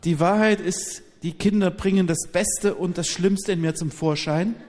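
A man interprets a live talk in quick bursts, phrase by phrase, and now and then he stalls on a hesitant filler. His voice is slightly high for a man. A long hall reverb trails every word. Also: steady tone, a little mellow.

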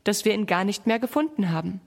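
A woman's voice: mid-range voice, lively intonation, fast talker. A woman reads as a girl telling how things happened, step by step, in a plain storybook voice close to her own. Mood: explaining. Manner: explanatory. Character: girl explaining eagerly.

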